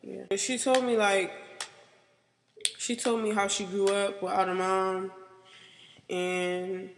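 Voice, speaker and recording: A young woman speaks haltingly about her life, her sentences stopping and restarting around a steady stream of "like." Her voice rings with a long reverb. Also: medium pitch, a little hiss or hum. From United States. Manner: halting and rambling, filled with "like". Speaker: interviewee. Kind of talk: personal interview.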